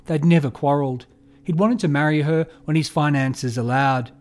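A man narrating a true crime story in a measured, scripted storytelling delivery. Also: fairly high pitch, a little mellow.

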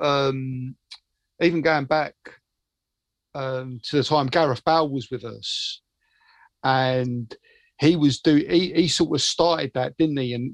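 A man's voice: on the high side, creaky, no echo. A British man in casual football chat, explaining his view as a fan on a panel.

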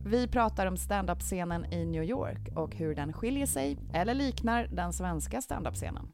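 A woman co-hosting a comedy podcast, relaxed and chiming in with short agreements. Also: lowish voice, music in the background. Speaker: podcast co-host, improv comedian. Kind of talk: casual podcast chat.

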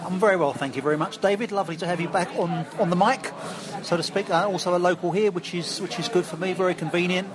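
A man's voice: high voice, fast talker. A man chatting casually as a podcast guest. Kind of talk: casual chat. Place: busy pub. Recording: busy pub chatter behind.

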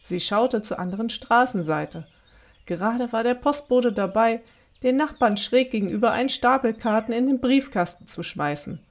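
A woman reading a children's story aloud in a gentle, expressive storytelling manner. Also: on the high side.

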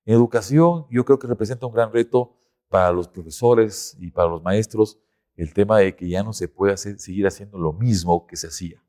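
Man, podcast guest, low voice, animated explainer. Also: brisk. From Ecuador. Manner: animated explainer, lifts his voice to act out quotes. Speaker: guest expert. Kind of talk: casual podcast conversation.

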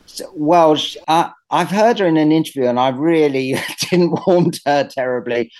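A man's voice: on the high side, normal speed, a little mellow. A man with a British accent being interviewed as an artist, talking casually in a hesitant, rambling, anecdotal and blunt way.

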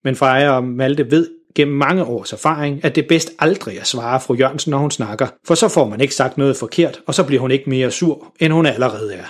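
A man reading a children's story aloud in a lively, expressive way. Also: medium pitch, few pauses.

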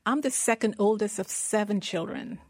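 A woman's voice: mid-range voice, normal speed, darkish tone, slightly rough, no room sound, clean studio sound. A middle-aged woman from Guyana, a guest in an interview, telling her story earnestly. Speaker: guest, managing director. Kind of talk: interview conversation.

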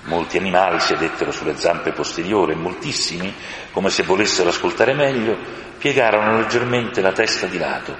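A man narrating a storybook in an expressive, scripted way. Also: low voice, brisk. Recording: reverberant room with faint hiss.

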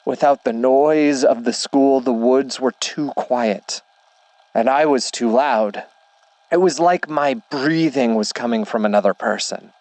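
A man reading a first-person horror story as a scripted narration, in a measured, deliberate way. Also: mid-range voice, a little mellow, no echo.

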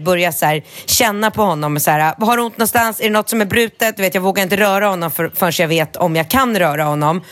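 Lively storytelling woman, dry close sound. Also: fairly low pitch, no echo. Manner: lively anecdote teller who acts out children's voices. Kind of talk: casual chat, animated storytelling.

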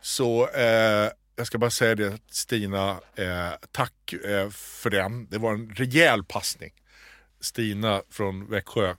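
A man co-hosting a podcast, telling a story in a casual, animated way and acting out the voices he quotes. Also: lowish voice, dry recording. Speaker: podcast co-host.

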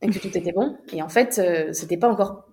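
A woman's voice: fairly low pitch, brisk, darkish tone. A young woman recounting a personal story in an interview, hesitant, with many fillers and restarts. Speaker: guest.

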